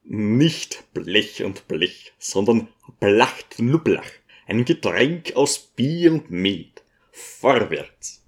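A man's voice: on the low side, big pitch swings, extremely slow, exaggerated voice. A man voicing a pushy, scheming male guest who talks brusquely and insistently.

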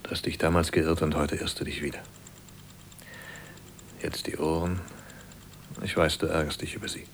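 An actor playing a devoted husband caring for his dying wife, speaking gently and often in a whisper, in a German radio play. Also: rumbling low, little pitch movement, normal speed, creaky, long pauses, slight background noise. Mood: gentle.

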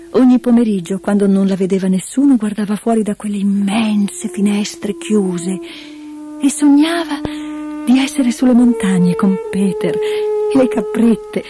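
A woman narrating a children's storybook in an expressive, gently paced storytelling manner. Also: medium pitch. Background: background music.

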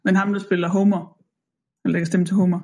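A man from Denmark co-hosting a film podcast, quickly nitpicking details. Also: high voice, flat delivery, a little mellow. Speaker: podcast co-host. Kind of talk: casual film chat.

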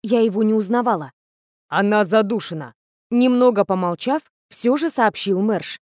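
A woman narrating an audiobook in the first person with a steady, even delivery. Her voice sits a little high. The recording is dry and close. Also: moderate pace, no echo.

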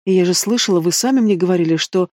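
A man's voice: fast talker, a little mellow, no echo, studio quality, close to an everyday voice. Man doing a purring young noble lady. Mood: flustered. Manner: purring, then squeaking.

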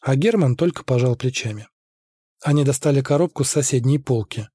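A man narrating an audiobook in a steady, even way. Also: mid-range voice, a little fast, breathy edge, dry recording, clean studio sound.

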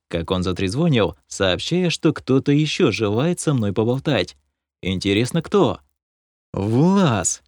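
Man, audiobook narrator, first person, wry, self-mocking, lively pitch, dry close sound. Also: no room sound.

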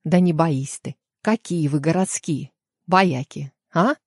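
A woman's voice: deep voice, slow pace, slightly rough, dry recording, studio quality, full character voice. A woman reading a folksy old village sleigh driver. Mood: teasing. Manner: folksy, jokey banter. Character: rough country sleigh driver, older man, teasing.

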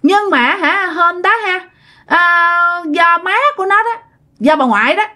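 Woman voicing a high, whiny young ghost girl. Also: animated, a little slow, bright, forceful tone, heavily acted. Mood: scheming. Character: hungry wandering young female ghost possessing a grandmother.

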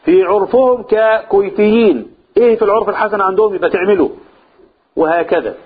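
Egyptian man, religious teacher, high husky voice, tinny phone-like sound. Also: quick pace. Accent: Egyptian Arabic. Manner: asks the audience questions, repeats key phrases. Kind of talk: explaining a religious text to a class.

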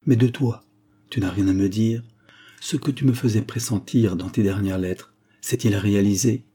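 A man reading the lines of a composed, cautious young man, in a measured, questioning way. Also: fairly low pitch, mellow, slightly rough.

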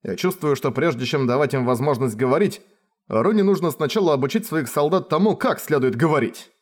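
A man's voice: fairly high pitch, expressive, fairly quick. A worn-out young man grumbles his sardonic comebacks, as the narrator voices him. The delivery stays close to a plain speaking voice, with tired exasperation. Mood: impatient. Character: weary, sardonic young male traveler.

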